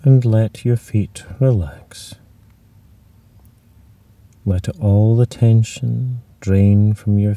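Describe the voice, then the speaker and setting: Calm low-ish guy talking slow and soothing, dry recording, drifts into whispers. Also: no room sound, far from the mic. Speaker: relaxation guide. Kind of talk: guided relaxation script.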